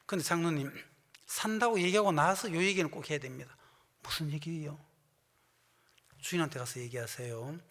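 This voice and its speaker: A man preaching as a pastor, telling a story and acting out the voices of the people in it, swinging from loud bursts to hushed asides. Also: fairly high pitch. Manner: storytelling, acting out both sides of conversations. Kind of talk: sermon with anecdote and quoted dialogue. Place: church sanctuary. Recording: long church hall reverb.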